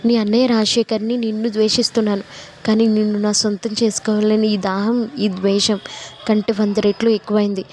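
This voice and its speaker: A woman voicing a cruel, vengeful, possessive man who speaks in threats, in a flat, dark tone. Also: mid-range voice, fairly quick, slight background noise, close to an everyday voice. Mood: menacing. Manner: menacing, threatening.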